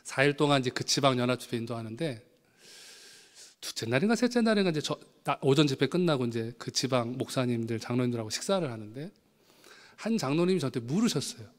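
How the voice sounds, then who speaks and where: A man, a pastor, preaching a sermon with animated storytelling, acting out voices from his anecdotes. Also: medium pitch, fast. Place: church sanctuary. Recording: long hall reverb.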